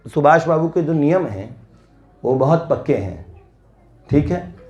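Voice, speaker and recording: A man's voice: on the high side, lively intonation, a little slow, a little mellow, muffled recording. A man voicing a strict but kind army major who turns a recruit away, in an echoey room. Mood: firm.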